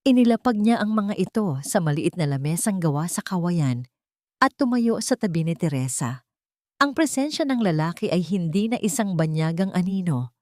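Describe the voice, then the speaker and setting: An audiobook narrator with a Filipino accent reads a dramatic story from a script in a fairly low, animated voice. She keeps a moderate pace with a slightly mellow tone, and the recording is dry with clean studio sound.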